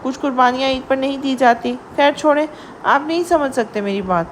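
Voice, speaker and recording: A woman's voice: high-pitched, slight background noise, lightly acted. Woman doing a sulky, dramatic young wife. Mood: whiny pleading. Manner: whiny and pleading. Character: stubborn, dramatic young wife who sulks.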